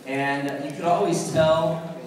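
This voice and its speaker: A man's voice: fairly high pitch, fairly even intonation, takes it slowly, a little mellow. A man introducing the next speaker on stage at a conference, teasing and loose, laughing at his own jokes. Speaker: event emcee. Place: large conference hall with audience. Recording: echoey hall, voice from far off.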